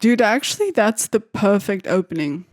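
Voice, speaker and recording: A woman's voice: mid-range voice, big pitch swings, normal speed, soft background music. A woman chatting casually and rambling as she builds a beat, with lots of "like" and playful asides. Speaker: music producer. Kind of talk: casual vlog commentary while making a beat.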